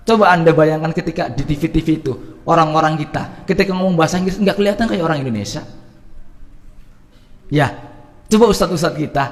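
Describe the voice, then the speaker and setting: A man teaching at a religious study gathering, animated, swinging between loud and soft and mixing in Arabic phrases. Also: fairly high pitch, in a large hall. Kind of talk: lively Islamic study talk.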